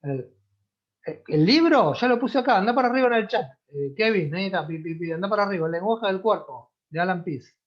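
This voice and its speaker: A teacher's mid-range voice, with lively intonation and a fairly quick pace, carries a Rioplatense Spanish accent as she gives a conversational online class and regularly checks in with her students. The audio, from a computer mic on a video call, is dull and lo-fi.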